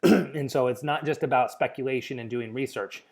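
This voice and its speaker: A man's voice: medium pitch, moderate pace, gravelly, a little mellow. Man teaching negotiation in casual talk. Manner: conversational, repeats and restarts, acts out sample dialogue. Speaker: real estate negotiation teacher. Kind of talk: informal spoken lesson.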